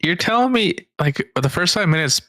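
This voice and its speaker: A man's voice: sits high, animated, normal speed, sharp tone, no room sound. A man co-hosting a casual movie discussion, making blunt and profane remarks. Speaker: podcast co-host reviewing movies.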